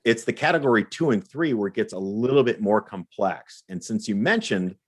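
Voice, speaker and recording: A man's voice: lowish voice, lively intonation, fairly quick. A man co-hosting a live question-and-answer stream, explaining regulations in a clarifying way and often repeating words as he restarts sentences. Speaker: co-host.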